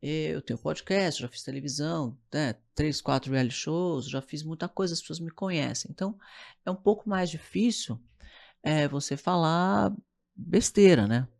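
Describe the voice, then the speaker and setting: A middle-aged Brazilian woman, a guest entrepreneur, telling animated stories in an interview and acting out what people said. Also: deep voice, normal speed, creaky. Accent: Brazilian Portuguese. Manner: animated storyteller, acts out quoted dialogue. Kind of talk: storytelling in an interview.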